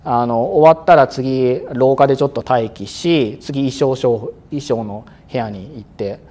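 A male exam prep instructor giving a lecture, speaking crisply and a bit loudly on purpose, with frequent fillers, sometimes acting out examiners. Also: mid-range voice, measured pace. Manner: acts out examiners and exam-day self-talk.

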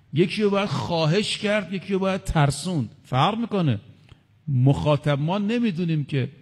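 A man's voice: on the high side, a little mellow. Man preaching in a reverberant hall. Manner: counts points aloud, quotes Arabic sayings. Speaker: cleric preacher. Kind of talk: religious lecture.

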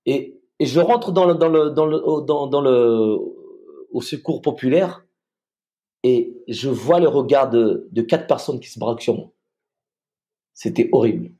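A man from Madagascar telling a personal story as a podcast guest, halting and repeating words, acting out the people he quotes. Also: medium pitch, mellow.

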